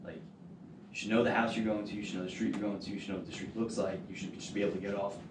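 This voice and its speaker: A man's voice: lowish voice, flat delivery, rapid-fire. A man, a firefighter, talking bluntly and emphatically in a casual round-table podcast chat. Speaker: firefighter guest. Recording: echoey room, distant mic, noise.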